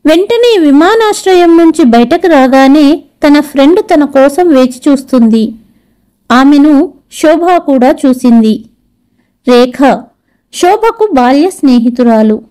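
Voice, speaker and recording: A woman reads a scripted audio story aloud in a steady, even-paced way. Her voice is high and mellow. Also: rough recording.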